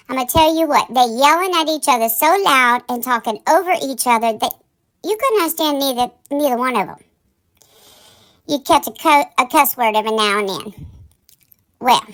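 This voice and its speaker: A woman's voice: sits high, fairly bright tone. A woman giving casual gossip commentary in a sassy, campy, theatrical drag-queen style, folksy and colloquial. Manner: folksy, colloquial, addresses listeners as darlings. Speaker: online drama commentary host.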